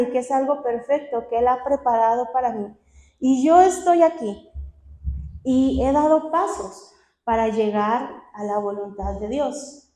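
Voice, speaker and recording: A woman's voice: high-pitched, dark tone, roomy sound. A young woman giving an earnest personal testimony at a church meeting, laughing now and then between phrases. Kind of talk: testimony talk.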